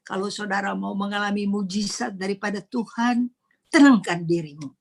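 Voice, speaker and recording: A woman's voice: mid-range voice, fairly even intonation, normal speed, gravelly. A middle-aged woman preaching a charismatic sermon, dramatic and repetitive, dropping to a whisper when she quotes. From Indonesia.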